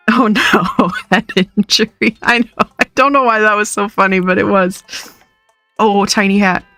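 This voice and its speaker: Woman streamer, playful and giggly, unhurried casual chat, dry sound with soft background music. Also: mid-range voice, dry recording. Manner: giggly and playful, chatting to viewers. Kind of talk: casual live-stream chat while gaming. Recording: dry close mic with faint music.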